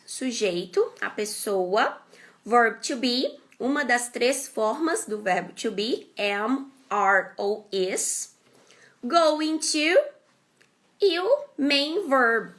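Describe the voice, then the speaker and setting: A woman teaches an English grammar lesson online, walking through each step and checking in with short questions. Her voice sits a little high and bright, and she speaks slowly, carefully spelling out the English example sentences.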